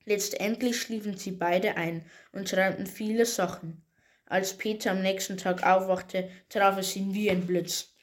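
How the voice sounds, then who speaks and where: A woman reading a fairy tale aloud in a plain, steady way, with occasional small slips. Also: medium pitch, measured pace. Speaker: storyteller.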